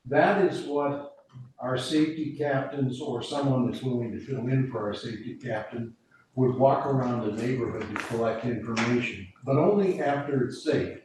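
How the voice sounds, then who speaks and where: An emergency preparedness volunteer with a medium-pitched, darkish voice speaks at normal speed, explaining radio procedures to a committee in a meeting room. He rambles and restarts, and the recording is distant and echoey with faint hiss.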